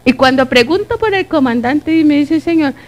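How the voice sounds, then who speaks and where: Animated Costa Rican woman telling a story. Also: sits high, normal speed. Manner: animated storyteller acting out dialogue. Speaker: church speaker. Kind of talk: testimony in a church talk.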